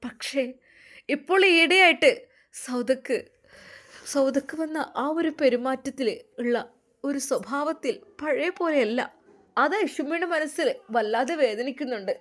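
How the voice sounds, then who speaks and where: A woman's voice: high-pitched, unhurried, fairly bright tone. A woman narrating a family story, with conversational asides.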